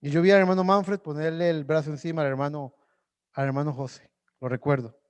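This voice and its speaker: A male pastor preaching a sermon, swinging from loud exhortation to hushed prayer. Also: fairly high pitch, steady tone, a little fast, clean tone, long reverb tail. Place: church sanctuary.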